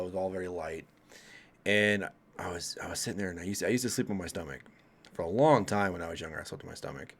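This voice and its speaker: Talking directly to the camera, this Colorado man in his late thirties shares ghost stories casually as a vlogger. His voice is somewhat low, and he speaks off the cuff, wandering, starting sentences over, and adding side comments for his audience.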